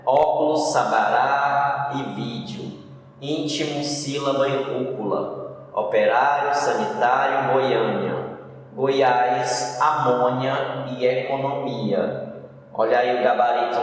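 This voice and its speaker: Brazilian man teaching in a boomy room. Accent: Brazilian Portuguese. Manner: didactic, checks in with tag questions. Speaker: Portuguese grammar teacher. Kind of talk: recorded video lesson. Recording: echoey room, voice from a distance, faint noise.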